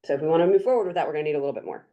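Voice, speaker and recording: Woman w/ a low voice, talking through a meeting, lots of ums and restarts. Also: racing, lo-fi sound. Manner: chatty, upbeat, many fillers and restarts. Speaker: drug council coordinator leading a meeting. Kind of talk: meeting presentation.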